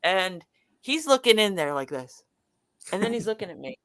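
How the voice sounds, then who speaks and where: A woman in a casual chat as a guest, telling a lab story with lively acted-out quotes and many restarts. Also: mid-range voice, moderate pace, heavy background noise.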